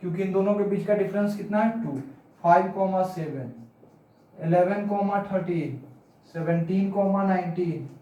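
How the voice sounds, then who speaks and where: A man teaching a math class, repeating each point and dictating notes slowly. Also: sits high, mellow, highs cut off. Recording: echoey room, far from the mic.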